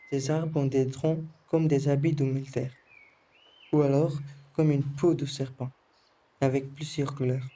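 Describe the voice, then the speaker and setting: Teen boy narrator, scripted voice-over, steady monotone delivery, mellow and very dark. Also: fairly high pitch. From Sri Lanka. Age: teens. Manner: calm, careful reading, short phrases. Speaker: student narrator of a school film.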